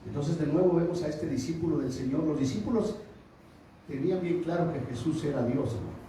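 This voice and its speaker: A man's voice: fairly high pitch, fairly quick, a little hiss or hum. Man preaching in an echoey hall. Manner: rises to loud emphatic peaks, asks the congregation questions. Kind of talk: sermon. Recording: echoey room from far off.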